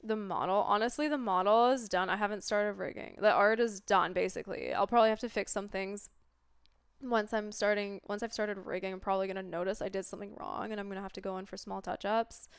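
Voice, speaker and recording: A woman's voice: medium pitch, fairly even intonation, fast talker, smooth, no room sound, studio quality. A stoned woman streamer chatting casually to viewers in a rambling, laid-back stoner way that drifts into tangents. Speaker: livestreamer. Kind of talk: casual livestream chat with viewers.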